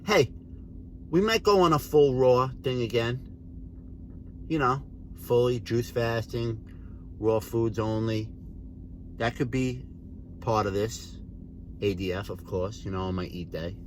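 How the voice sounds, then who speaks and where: A young man chats loosely to his camera, full of slang and easygoing asides. His voice sits at an ordinary middle pitch. A faint hum of background noise runs under the recording. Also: slow pace, pauses often. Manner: laid-back, slangy, rambling. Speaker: vlogger. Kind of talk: casual rambling vlog chat.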